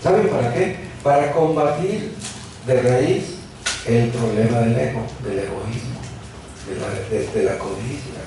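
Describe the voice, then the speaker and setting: A man's voice: mid-range voice, measured pace, noisy background. A man preaching a sermon as pastor, asking the congregation rhetorical questions and acting out quoted speech. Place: church hall. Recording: roomy church sound from a distant mic.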